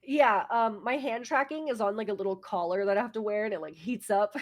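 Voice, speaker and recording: A woman's voice: mid-range voice, fairly quick. A woman chatting casually as a laid-back VTuber guest in an interview, giggly and loose in her phrasing.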